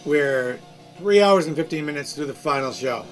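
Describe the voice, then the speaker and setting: A man's voice: fairly high pitch, expressive, normal speed, faint music behind. A man hosting a live radio show, chatty and reflective, speaking into a studio microphone. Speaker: radio DJ host.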